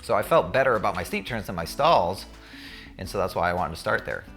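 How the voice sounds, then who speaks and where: Man, low-pitched voice, casual first-person storytelling, conversational and candid delivery, music behind. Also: very animated, fairly quick, fairly bright tone. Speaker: student pilot recounting a checkride.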